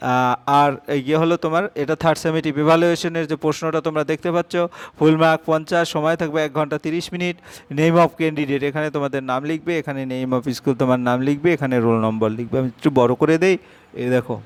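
A man explains an exam paper to children, reading each English line slowly and word by word. His voice sits a little high and sounds smooth and clear. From West Bengal, India. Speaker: teacher. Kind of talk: exam answer walkthrough lesson.

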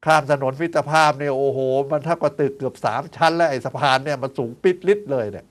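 A man's voice: fairly high pitch, fast. A man in his sixties, a doctor hosting a health show, chatting in a folksy way and tossing out teasing questions to his listeners. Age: 60s. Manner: chatty, lively asides, teasing rhetorical questions; counts out exercise steps aloud.

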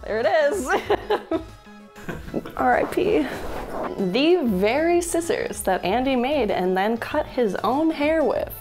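Speaking slowly over music, the host, a woman in her thirties, has a high voice with lively intonation. She keeps her casual show-and-tell playful, joking and laughing a lot, captured by an off-camera mic in an indoor studio against a blue wall.

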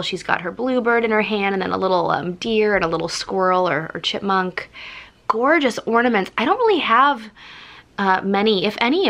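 Gushing excitable woman vlogger. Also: mid-range voice. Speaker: vlogger opening fan mail. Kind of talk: casual vlog chat.

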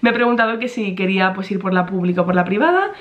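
A woman's voice: mid-range voice, animated, quick pace, lo-fi sound. Chatty pregnant woman. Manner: chatty, rambling with many fillers. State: pregnant, in some pain. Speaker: vlogger. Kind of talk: casual chat to camera.

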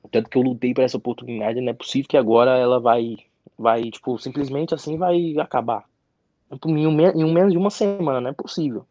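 A young man, a professional footballer, telling his story as an interview guest in a halting way, repeating words and restarting. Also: medium pitch, darkish tone, dry recording. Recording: dry, slightly dull audio.

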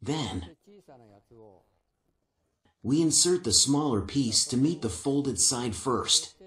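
An older woodworking instructor calmly and methodically explains each step of assembling a wooden piece. He speaks slowly in a mid-range voice through a lapel mic, with a noticeable room echo from the indoor workshop.

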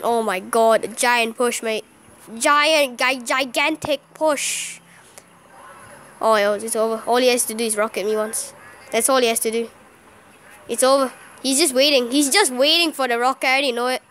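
A woman giving live gameplay commentary as a channel host, excitable and quick to exclaim and groan at each play. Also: on the high side.

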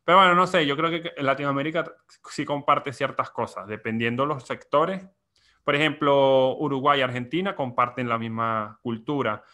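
A man's voice: medium pitch, moderate pace, pushed and bright. A young Venezuelan man hosting a casual podcast chat, reflective and explaining at length with plenty of fillers. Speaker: podcast host.

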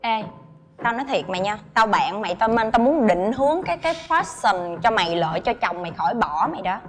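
Actress as a flashy friend, mocking and bossy, rapid-fire delivery. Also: female voice, medium pitch, lively intonation, a little hiss or hum, lightly acted. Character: brash flashy woman mocking her plain friend. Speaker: actress in a TV drama.

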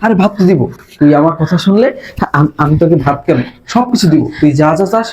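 A man playing a fast-talking, coaxing schemer. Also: a little high, lively intonation, a little hiss or hum, natural voice, rough recording. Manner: coaxing, insistent and hushed. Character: scheming young man luring a madwoman.

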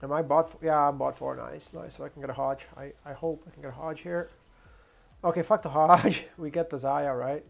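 Guy talking himself through a game, kinda gravelly, higher voice, some music under it. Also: steady tone. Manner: mutters plans to himself, quick bursts of surprise. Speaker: gaming streamer. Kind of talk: gameplay commentary, thinking aloud.

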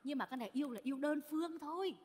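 Actress as a high, fast-talking fussy old lady, reverberant stage. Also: a little mellow, close to an everyday voice. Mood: scolding. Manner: theatrical, fussy, exclaiming. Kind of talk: live stage comedy sketch.

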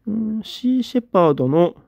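A man in a casual livestream, reading out viewer comments and giving short, relaxed replies. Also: high-pitched, moderate pace, creaky, dry recording, studio quality. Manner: relaxed, reads comments aloud with brief replies.

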